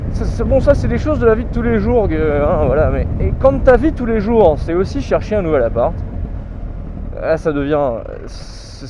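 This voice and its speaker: Swearing guy ranting in traffic. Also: on the high side. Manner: ranting, swears a lot, exasperated. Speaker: vlogger. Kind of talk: casual chat. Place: in a car in city traffic. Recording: muffled with loud traffic noise.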